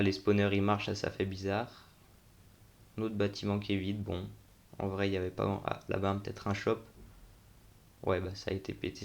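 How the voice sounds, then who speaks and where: A young man with a very flat, monotone delivery and plenty of vocal fry. He talks through a game tour off the cuff, in slangy everyday speech, thinking aloud as he goes. His voice sits on the low side. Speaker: gaming video host. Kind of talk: casual unscripted game tour commentary.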